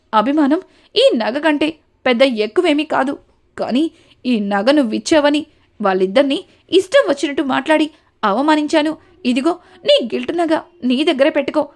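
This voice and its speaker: A woman voicing a loud, blunt young woman accusing her sister-in-law of cheating her. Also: high voice.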